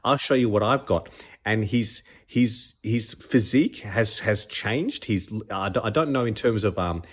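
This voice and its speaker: Here an Australian man speaks enthusiastically on his solo podcast, his fairly low voice measured in pace and breathy at the edges. A cold has him slightly stuffed up, and he keeps restarting and repeating words in his casual commentary.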